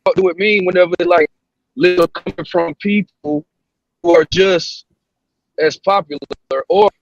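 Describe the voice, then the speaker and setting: Man, clipped breaking-up call audio, fairly high voice, lo-fi muffled sound, blunt and profane, lots of restarts. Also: fairly even intonation, a little slow, dry recording. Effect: clipped, breaking-up call connection. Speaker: panel guest. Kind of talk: casual panel discussion. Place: outdoors in woods, on the road. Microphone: remote call. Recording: lo-fi dropping call line.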